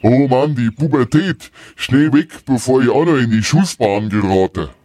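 A man's voice: mid-range voice, unhurried, dark tone, no echo, close to an everyday voice. A man voicing a jovial, beer-loving Father Christmas, hearty and folksy.

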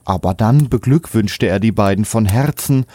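A man narrating a comic fairy tale in calm scripted storytelling. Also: lowish voice, normal speed, dry recording.

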